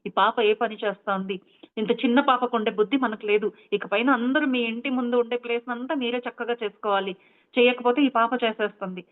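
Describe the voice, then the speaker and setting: A kindly old grandfather, loud and scolding as he calls out his neighbours, acted by a woman storyteller. The voice stays fairly high. The sound is narrow and phone-like. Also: steady tone, brisk, close to an everyday voice. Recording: tinny phone-like line.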